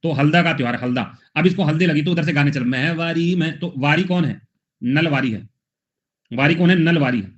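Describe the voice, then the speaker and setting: A man's voice: fairly high pitch, fast, hardly any pauses, muffled recording. A male teacher from Haryana giving an exam-prep lesson, talking chattily and acting out little scenes in funny voices to help students memorize.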